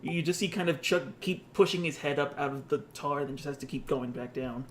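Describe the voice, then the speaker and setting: Male game master, fairly high voice, vivid second-person narration, chuckles. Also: a little fast, slight background noise. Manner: descriptive, second-person scene narration with laughs.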